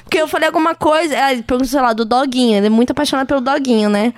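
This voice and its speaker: A Brazilian woman in her thirties, co-hosting a podcast and telling lively stories, mimicking the voices of people in them. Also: sits high, racing, dry recording, clean studio sound. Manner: animated storytelling, mimicking voices in her anecdotes. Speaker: podcast co-host. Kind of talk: casual chat.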